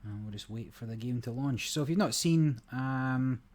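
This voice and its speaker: A gaming channel host talks through a card game in casual gameplay commentary, relaxed and rambling with plenty of fillers. His mid-range voice is slightly croaky and moves at a moderate pace.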